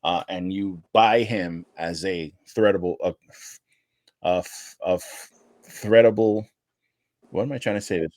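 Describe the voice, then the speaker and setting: A man co-hosting a wrestling podcast in casual chat, animated and profane, swearing often. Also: sits low, a little slow, dry recording, studio quality. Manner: animated, profane, laughs while retelling. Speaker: podcast co-host.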